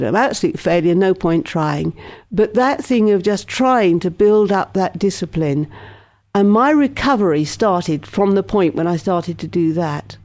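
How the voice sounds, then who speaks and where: An Englishwoman shares her own story in an interview, thoughtful and candid, breaking into soft laughs now and then. Her voice is mellow and warm, and her pitch sits in a middle range for a woman. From England. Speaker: interviewee, program member. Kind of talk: reflective personal testimony.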